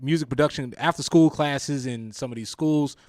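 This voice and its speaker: A man hosting a talk show, telling stories in a lively, animated way with a Southern American accent. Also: mid-range voice, moderate pace, no room sound, studio quality. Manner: animated storyteller, acts out quoted lines. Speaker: radio show host. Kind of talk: casual talk show chat.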